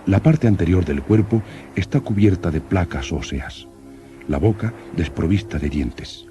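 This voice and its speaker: An actor playing an earnest, curious young explorer who narrates his expedition diary like an old radio serial announcer, in formal, measured diction. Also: sits low, expressive, mellow. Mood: earnest narration. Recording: old radio drama with music.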